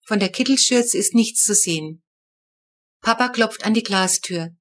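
A woman narrating a children's audiobook in the first person, with a lively, wry telling. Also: mid-range voice, unhurried.

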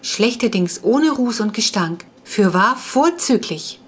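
A woman's voice: on the high side, lively intonation, takes it slowly, husky, full character voice. A woman reading the part of a polite vampire boy who slept for centuries, speaking in a courtly, archaic, wondering manner.

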